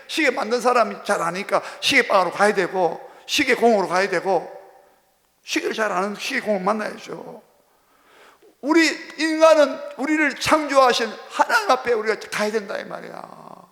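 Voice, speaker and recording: A man with a strikingly high voice delivers an emphatic sermon, pressing each point again and again and drawing responses from his listeners. His words ring out with a long echo through a church sanctuary. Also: bright, forceful tone. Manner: emphatic, repeats phrases and prompts the congregation. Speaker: pastor. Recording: long reverb of a church hall.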